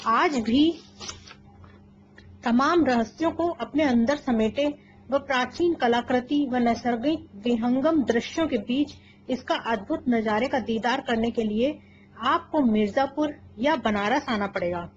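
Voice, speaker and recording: Woman, news narrator, measured delivery, a bit high-pitched, dull lo-fi sound, faint hiss. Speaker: news presenter.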